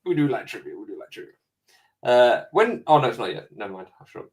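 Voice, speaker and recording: A man's voice: mid-range voice, big pitch swings, fast talker. A man co-hosting a casual live-stream chat, joking and swearing as he tells stories. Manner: jokey, swearing banter. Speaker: podcast co-host.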